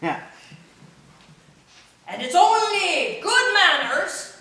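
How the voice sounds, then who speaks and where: A woman's voice: very high-pitched, very animated, very slow, pushed and bright, full character voice. A woman playing a jolly old male pirate sea dog, telling a story live in character with hearty growls and frequent chuckles, recorded in a theatre hall. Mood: boisterous. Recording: echoey hall from far off.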